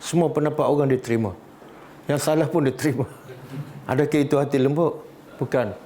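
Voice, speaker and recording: A man's voice: medium pitch, fairly even intonation, brisk, warm tone, slight background noise. A man with a Malaysian Malay accent teaching a Quran study class, often asking the audience questions and repeating key words. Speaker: religious teacher.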